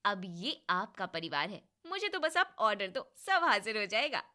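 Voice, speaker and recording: A woman voicing a cheeky, protective young sister-in-law who talks loudly and playfully. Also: medium pitch, sing-song, normal speed. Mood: affectionate. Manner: loud, playful and bossy.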